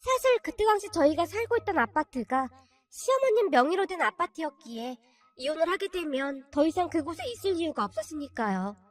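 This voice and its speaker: A woman narrating a scripted first-person story in a steady, confessional manner, over faint music. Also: very high voice, a little fast.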